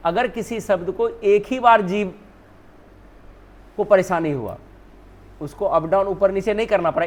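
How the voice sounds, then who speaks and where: A male teacher whose first language is Hindi, explaining spelling rules step by step, often asking and then answering his own questions. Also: fairly high pitch. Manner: repeats "ठीक है ना", asks and answers own questions.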